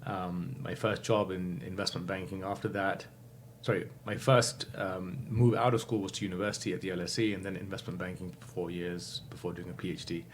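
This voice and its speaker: Low-voiced guy in his 50s, thoughtful, lots of ums, faint hiss behind. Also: steady tone, a little fast, few pauses. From England. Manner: thoughtful, many fillers, self-correcting. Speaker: guest. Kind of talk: reflective interview answers.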